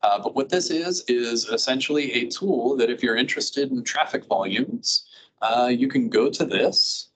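A man giving updates at a public advisory board meeting, talking in a relaxed way with many filler sounds. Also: mid-range voice, moderate pace, noisy background. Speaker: regional planning staff presenter. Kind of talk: meeting presentation.

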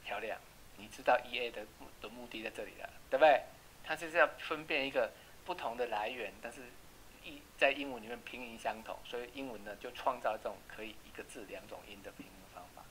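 A man teaching an English class, chatty and checking with students, slowing down to repeat words for pronunciation. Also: mid-range voice, fairly bright tone, a little hiss or hum, low-quality recording. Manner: asks "right?" often. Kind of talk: classroom lesson.

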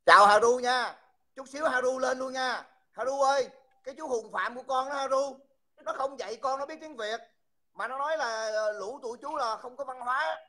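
Man, bright voice, mocking and insulting, repeats himself, livestream host. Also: extremely high pitch, a little fast. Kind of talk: heated livestream taunting.

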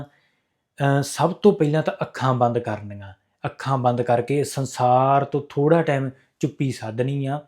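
A man with a Punjabi accent and a mid-range, darkish voice speaks to camera. He gives his viewers earnest, preachy spiritual advice, repeating key phrases as he instructs.

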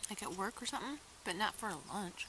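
A woman's voice: mid-range voice, expressive, quick pace, noisy background. A middle-aged woman chatting casually to camera outdoors while chewing her food, giggly and a bit mumbly. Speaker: vlogger. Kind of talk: casual mukbang chat to camera. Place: outdoors in a wooded yard.

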